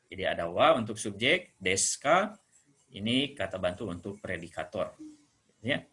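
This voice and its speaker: Patient man teaching language, bright tone. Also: fairly low pitch, sing-song, slightly rough. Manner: patient, repeats and spells out phrases slowly. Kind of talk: classroom explanation.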